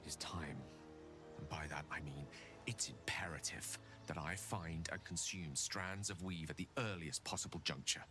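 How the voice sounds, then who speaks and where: A man's voice: extremely low pitch, moderate pace. An actor playing a refined, polite male wizard who confides a secret in formal, courteous speech. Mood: earnest. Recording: game audio with music behind.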